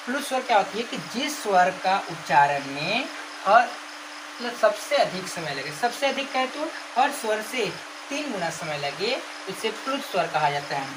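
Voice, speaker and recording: A woman teaching a grammar lesson to children, repeatedly asking the class questions and drawing out example words. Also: mid-range voice. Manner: stretches out called names as examples. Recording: noisy background ambience.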